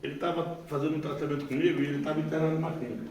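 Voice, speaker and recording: A Brazilian psychologist giving an informal recovery testimony talk, colloquial and animated, acting out dialogue. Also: male voice, a little high, very fast, a little hiss or hum. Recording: echoey room, far from mic.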